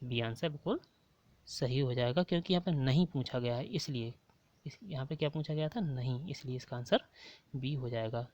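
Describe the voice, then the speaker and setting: A man's voice: mid-range voice, moderate pace, a little mellow, highs cut off. A man with a Hindi accent giving an online exam-prep lesson, repeating each question and prompting viewers to answer.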